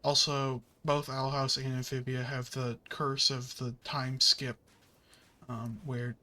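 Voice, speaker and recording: A man talks slowly over his gameplay in a bright, forceful voice, wandering from thought to thought with plenty of fillers. Now and then he swears at the game. A faint hiss of noise sits under the voice. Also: mid-range voice, little pitch movement. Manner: rambling and chatty, with many fillers and restarts. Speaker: gaming channel host. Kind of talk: casual commentary while playing a video game.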